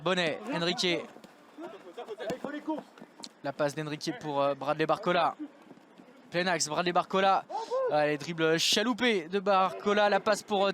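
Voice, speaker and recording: A man giving live football commentary in an excitable way, building up to drawn-out goal calls. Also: sits high. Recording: outdoor crowd noise behind commentary. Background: outdoor stadium crowd.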